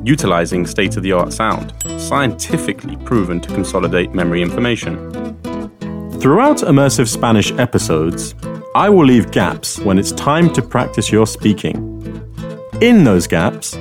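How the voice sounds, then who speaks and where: A man hosting a scripted language lesson, speaking slowly and clearly and repeating phrases. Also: on the low side, big pitch swings. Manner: slow, clear teaching delivery with repeated phrases. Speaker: language teacher and host. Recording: faint guitar music underneath.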